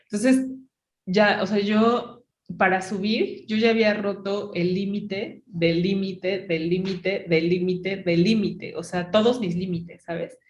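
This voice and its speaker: A woman's voice: mid-range voice, fairly even intonation, takes it slowly, a little mellow, echoey room, dull audio. A woman with a Mexican accent hosting a podcast, chatting casually and filling her story with "o sea" and "¿no?". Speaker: podcast host. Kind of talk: casual chat.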